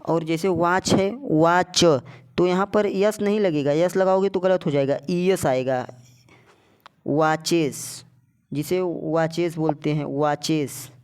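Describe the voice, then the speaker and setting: A man's voice: sits high, normal speed, hardly any pauses, darkish tone, clean tone. A man teaching a lesson as a tutor, repeating words and asking rhetorical either-or questions. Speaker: English tutor. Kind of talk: explanatory lesson.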